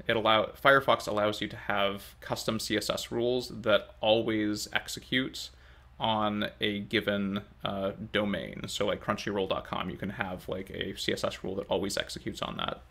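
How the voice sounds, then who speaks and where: At a normal speed and with little pitch movement, a man in his thirties speaks in a fairly low, pushed, bright voice marked by vocal fry. He's a language-learning vlogger giving a casual, unscripted update to camera indoors in his open kitchen and dining room, rambling slightly and hesitating while thinking aloud.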